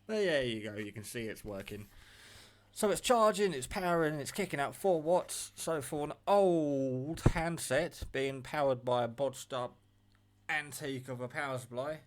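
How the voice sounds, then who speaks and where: Filmed on a phone camera held by someone off screen, a radio hobbyist tries out a gadget at a table in his home. He talks at normal speed and medium pitch, casual and rambling, plain-spoken and poking fun at himself.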